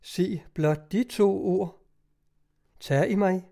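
A man voicing a pale, pleading female ghost in a whispered role-play, with a hushed, breathy whisper. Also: sits high, voice pushed up. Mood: eerie pleading.

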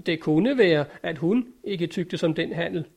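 A man's voice: on the high side, animated. A man voicing a brooding, guilt-ridden man full of despair in a read-aloud story. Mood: cold. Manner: dark, despairing.

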